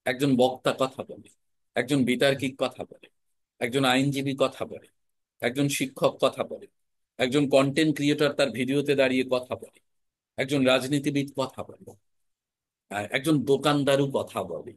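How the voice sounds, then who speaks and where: A man teaching an online class on spoken-word art, explaining in a measured, emphatic way with deliberate pauses. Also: medium pitch, steady tone, dry recording. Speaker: recitation and voice teacher.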